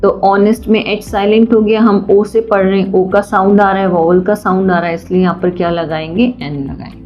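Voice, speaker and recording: A woman teaching a children's grammar lesson, patient and deliberate, often asking questions and answering them herself. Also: mid-range voice, fairly even intonation, darkish tone. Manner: slow and deliberate. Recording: dull lo-fi sound, faint music.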